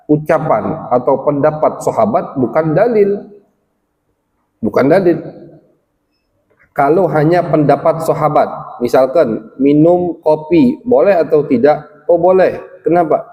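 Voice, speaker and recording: A man's voice: fairly high pitch, dull audio. A male religious teacher giving a study lecture, quoting Arabic passages and explaining each in plain terms. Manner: explains slowly, quotes Arabic text then translates. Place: village gathering hall. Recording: long hall reverb.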